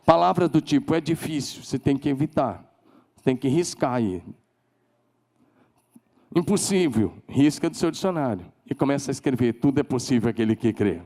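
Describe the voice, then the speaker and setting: A man with a Brazilian Portuguese accent preaching a sermon as pastor, emphatic, leading call-and-response and climbing to shouted declarations. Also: mid-range voice, animated, moderate pace. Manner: leads the congregation in call-and-response.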